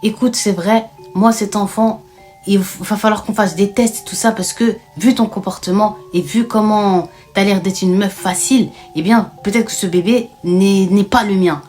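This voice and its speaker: A woman's voice: mid-range voice, fairly even intonation, normal speed, a little mellow, soft background music, voice pushed up, lightly acted. A woman voicing a stern husband who curtly dismisses and doubts his wife. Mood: cold, suspicious. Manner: curt, dismissive.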